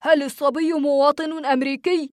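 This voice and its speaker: A woman's voice: high-pitched, fairly even intonation, brisk, a little mellow, no room sound, voice pushed up, close to an everyday voice. A woman voicing a huge, breathless male soldier who argues his point urgently. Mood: urgent reasoning. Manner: urgent, reasoning.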